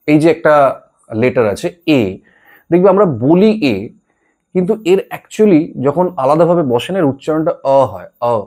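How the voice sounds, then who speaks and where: Male tutor, warm low-key tone, patient and reassuring lesson delivery. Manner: reassuring, repeats "ঠিক আছে?" to check in. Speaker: English tutor. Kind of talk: spoken English lesson.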